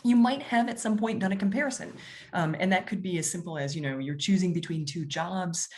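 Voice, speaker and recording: Low-voiced woman giving a lecture. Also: brisk, a little mellow. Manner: explanatory, conversational with frequent fillers. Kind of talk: public lecture.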